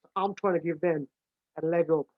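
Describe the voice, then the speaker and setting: A British man with a big, slightly high voice holds a steady tone and speaks a little fast, with no room sound. He's a football coach casually explaining in plain terms how he develops his staff, often restarting and repeating words. The line is dry and tinny, like a phone.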